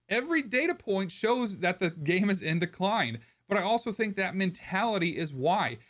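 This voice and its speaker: A man who makes gaming videos, ranting to his viewers in a frustrated, rambling way with many restarts, his voice going hoarse. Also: high voice, fairly bright tone. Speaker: gaming content creator. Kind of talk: opinion rant to camera.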